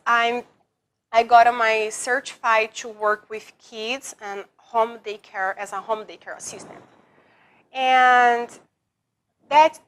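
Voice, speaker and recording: A Brazilian woman with a somewhat bright, high voice tells her life story as an interview guest. She speaks broken English with a Brazilian Portuguese accent, often repeating and restarting words.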